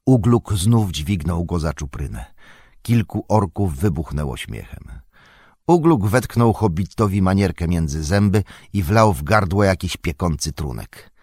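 A man narrating an audiobook of a fantasy novel in a steady, measured storytelling manner. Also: deep voice, husky, dry recording, studio quality.

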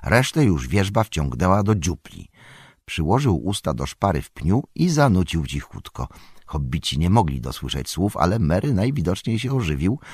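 A man narrating an audiobook with a deep, low voice. His reading is lively, the pitch swinging widely as he tells the story. The sound is dry and close to the mic. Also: slightly rough, no echo.

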